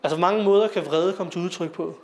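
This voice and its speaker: A man's voice: sits high, darkish tone. A young man giving an informal lecture to young people, talking conversationally with fillers and asking his listeners questions. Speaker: lecturer on Sikh philosophy.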